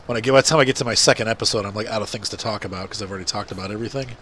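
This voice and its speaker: Rapid-fire and fairly low-pitched, a slightly bright male voice comes through with slight background noise. The speaker, a middle-aged gaming host with a congested nose, rambles chattily with many fillers while playing a farming game.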